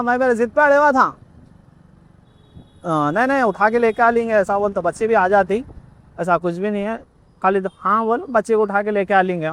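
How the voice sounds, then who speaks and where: A man's voice: sits high, smooth. A young man telling a rambling, repetitive personal story in a casual vlog. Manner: rambling, repetitive, emotional retelling.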